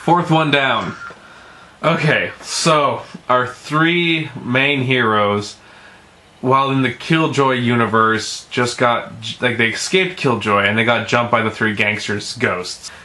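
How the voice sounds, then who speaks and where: A man's voice: medium pitch, fairly even intonation, slow, pushed and bright. A man giving a casual, profane film review, rambling and stumbling over his words, with emphatic, exasperated complaints.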